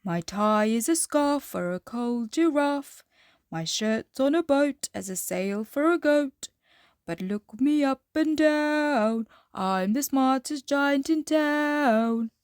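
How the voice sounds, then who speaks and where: A woman's voice: fairly high pitch, animated, slow, hardly any pauses, a little mellow, no echo, studio quality. A woman voicing a kind, proud male giant from a storybook in a hearty, emphatic, singsong way. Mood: cheerful singsong.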